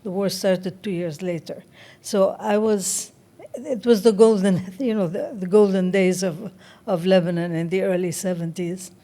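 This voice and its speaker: Older woman with a warm, mellow voice. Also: medium pitch, steady tone. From Egypt. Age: around 70. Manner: measured and thoughtful, often pausing to find words. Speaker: interview guest, writer. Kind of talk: reflective interview talk.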